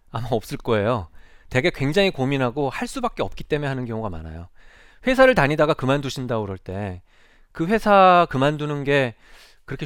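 A man's voice: mid-range voice, clear, resonant tone, no echo, studio quality. A middle-aged man, a psychiatrist, giving a public lecture on a stage. He talks in an earnest, conversational way and often puts rhetorical questions to the audience.

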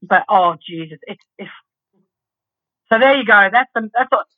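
A rambling, chatty woman co-hosting a podcast, speaking at an ordinary middle pitch. She swears casually as she talks. The recording sounds a little dull and lo-fi. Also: expressive, moderate pace. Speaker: podcast co-host. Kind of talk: casual chat.

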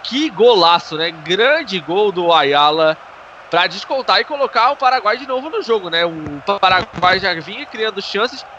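A Brazilian man works as co-commentator on a live football match, breaking down plays and often tacking on small checking tags. His voice is high, pushed and bright, with lively intonation at a moderate pace. The sports broadcast sounds dull and noisy.

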